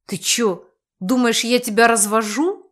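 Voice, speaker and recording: A woman's voice: on the high side, unhurried. A woman voicing a cocky, thuggish male spirit guide who talks in street slang, in an audiobook. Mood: swaggering.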